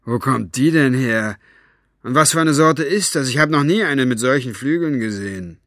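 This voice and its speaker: A cold, menacing boss of a criminal band, bored and impatient, who speaks slowly and never needs to raise his voice to threaten, as a male storyteller puts him on. The sound is dry and close, with no room around it. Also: medium pitch, no echo, close to an everyday voice. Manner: slow, quiet menace.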